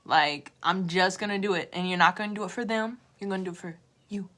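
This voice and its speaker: On a livestream, a woman tarot reader delivers an emotional pep talk straight to her viewers, repeating herself as she swings from loud urging to a hushed near-whisper. Her voice sits lowish, and she talks fast.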